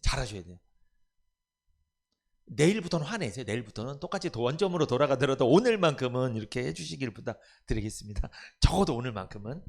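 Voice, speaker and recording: A man's voice: medium pitch, very animated, fast, vocal fry. A man pastor preaching a sermon in church, asking the congregation rhetorical questions and acting out family members' voices. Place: church sanctuary.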